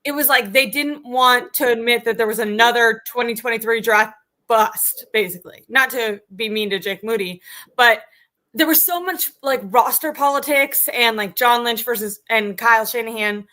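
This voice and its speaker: A woman's voice: fairly high pitch, normal speed, sharp tone. A woman hosting a casual live-streamed sports talk show, reading stats with lots of fillers. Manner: chatty, many fillers, reads stats aloud. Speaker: sports podcast host.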